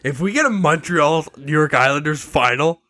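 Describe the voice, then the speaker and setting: A man's voice: a little high, animated, moderate pace, pushed and bright. A young man co-hosting a casual sports podcast, blunt and profane with a joking edge. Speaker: podcast co-host.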